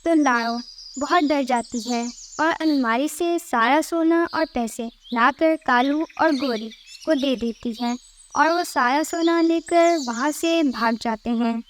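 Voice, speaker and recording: A woman's voice: high-pitched, takes it slowly, a little hiss or hum. A woman reading scripted narration for a children's cartoon story.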